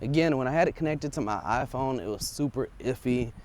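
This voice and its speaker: Here a vlogger checks out audio gear, recording off the cuff on a clip-on wireless lavalier as he heads up a residential street outside. He chats informally and thinks aloud in a mid-range, darkish voice at a slightly fast clip.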